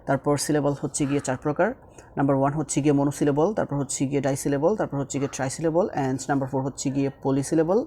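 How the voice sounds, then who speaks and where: A man's voice: a little high, little pitch movement, very fast, dark tone, a little hiss or hum. A man teaching English grammar in a YouTube lesson, repeating each rule and mixing with English.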